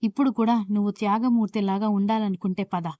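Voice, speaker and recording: A hot-tempered young husband who snaps out sharp rebukes, read by a woman narrating the story. The lines come fast in a mellow, dark voice. The recording is dry and a little dull. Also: mid-range voice, steady tone, dry recording, close to an everyday voice. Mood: bitter.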